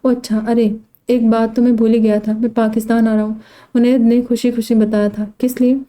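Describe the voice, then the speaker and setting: A woman's voice: on the high side, normal speed. A woman with an Urdu accent narrating a romance novel aloud, voicing every character in her own voice. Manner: reads all characters in her own voice, even tone. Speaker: audiobook narrator. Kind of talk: scripted novel reading.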